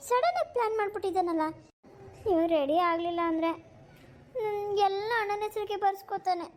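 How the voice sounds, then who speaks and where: A woman voicing a young village woman who pleads against a forced marriage in a cartoon. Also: extremely high pitch. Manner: pleading, defiant. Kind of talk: cartoon voice acting.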